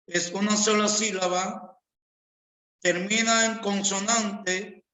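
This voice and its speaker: A man with as his teaches a grammar lesson, drawing out each word and repeating examples. His voice sits high and sounds bright. He speaks very slowly in a roomy, echoing space. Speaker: English teacher. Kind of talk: slow classroom grammar lesson.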